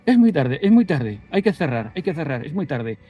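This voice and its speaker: A man voicing an older male pastor who repeats himself and shouts. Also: on the high side, normal speed, soft background music, close to an everyday voice. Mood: panicked. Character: older male pastor, sugary then furious.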